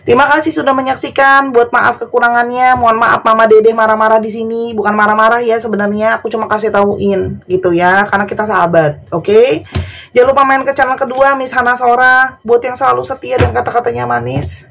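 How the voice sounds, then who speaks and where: A woman's voice: a little high, fairly even intonation, a little fast, vocal fry, fairly bright tone, faint music behind. A woman tarot reader talking to her viewers in a casual, chatty, pleading way. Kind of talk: casual vlog monologue.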